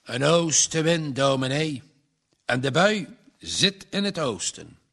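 A weatherwise village man, gruff and certain, speaks in slow, deliberate phrases, played by a male reader. His voice sits a touch high and climbs when he warns of heavy weather. It belongs to a read-aloud storybook. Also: very animated, fairly bright tone, heavily acted. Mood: foreboding.

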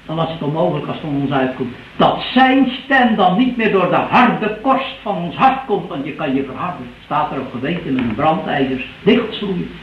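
A man preaches with a rather high voice, earnest and pleading, and keeps asking rhetorical questions. He sounds set back from the microphone in a reverberant church. The recording is dull and a little muffled. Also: distant mic, a little hiss or hum. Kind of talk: sermon.

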